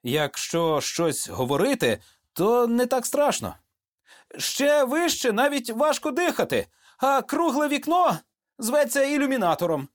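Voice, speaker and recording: Man doing jittery young student soldier, higher voice, hesitant. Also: very animated, measured pace, heavily acted. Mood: nervous. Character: young male student paratrooper, nervous but trying to stay composed.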